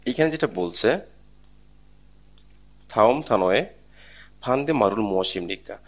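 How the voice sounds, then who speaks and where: A man with a somewhat low voice teaches an exam prep lesson. He goes through each question patiently, repeating key points and asking rhetorical questions before he gives the answer. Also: animated, normal speed. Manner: explains step by step, repeats and asks rhetorical questions. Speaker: Korean language teacher.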